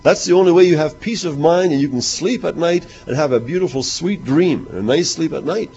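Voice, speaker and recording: A man's voice: fairly high pitch, a little fast, darkish tone, slight background noise. Male minister preaching conversationally. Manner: conversational, repetitive, rhetorical questions. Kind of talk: sermon. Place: church hall. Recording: muffled lo-fi recording.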